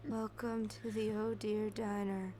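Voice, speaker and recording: Man putting on a drive-thru speaker voice, woman order-taker, distant, chirpy, flat scripted greeting, level delivery. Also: sits high, unhurried, music in the background, voice pushed up. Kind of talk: comedy intro skit.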